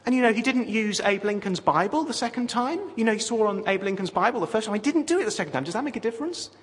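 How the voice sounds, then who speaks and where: A man preaching a sermon with lively, animated delivery and wry asides. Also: sits high, fast talker, husky. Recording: long reverb of a hall.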